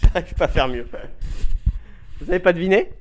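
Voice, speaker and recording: A man teaching young children in a classroom, speaking slowly and patiently through a face mask and sounding out letters. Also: high-pitched. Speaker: primary school teacher. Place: school classroom. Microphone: handheld mic held by a pupil.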